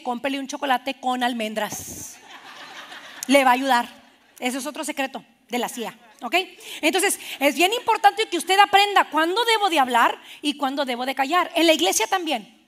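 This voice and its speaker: A woman pastor preaching a sermon in church, animated and playful, acting out little scenes for the congregation. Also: sits high, moderate pace.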